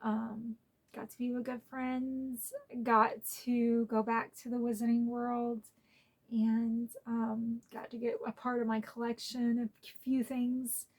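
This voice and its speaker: Lady chatting thru her haul vlog, kinda rambly and sweet, slow talker. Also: on the high side, flat delivery, a little mellow. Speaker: vlogger.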